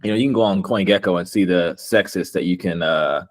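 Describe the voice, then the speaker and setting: A man's voice: low voice, a little fast. A man chatting casually about crypto investing in a slangy, confident, boastful bro manner. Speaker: crypto investor and video maker.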